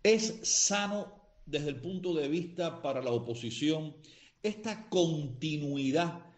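Man, radio co-host, halting questions, roomy echo. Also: a little high, expressive.

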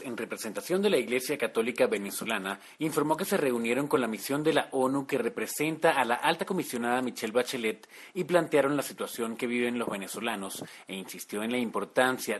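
Male correspondent, husky tone, formal scripted report. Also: medium pitch, brisk, few pauses. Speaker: radio correspondent.

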